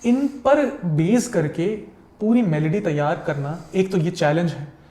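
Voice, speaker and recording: A man's voice: a little high, unhurried, mellow. A man, a guest critic giving long, detailed explanations and slipping into English mid-sentence. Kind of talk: conversational explanation. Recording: roomy echo.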